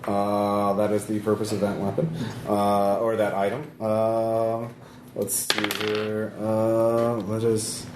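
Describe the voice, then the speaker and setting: A man's voice: lowish voice, monotone, slow. A man running a tabletop game as game master, narrating casually with profane, jokey banter. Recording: roomy, noisy tabletop recording.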